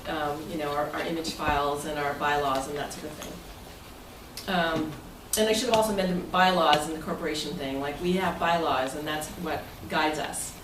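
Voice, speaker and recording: Her voice is deep and fairly even in intonation, moving at an ordinary pace. She is a club president chatting informally to members at a meeting, wandering a bit and phrasing things loosely. Captured from a distance, the audio sounds roomy and noisy.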